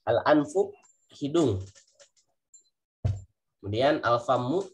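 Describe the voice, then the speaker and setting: A man's voice: medium pitch, expressive, slow pace. A man with an Indonesian accent teaching an Arabic vocabulary class, patiently repeating each word and point. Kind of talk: online class lesson.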